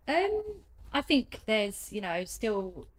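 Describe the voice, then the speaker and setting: A woman, a nurse, giving informal interview answers in a hesitant, reflective way with frequent pauses. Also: mid-range voice, sing-song. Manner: hesitant, reflective, many pauses and "you know". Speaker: hospice nurse. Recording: light ambient background noise.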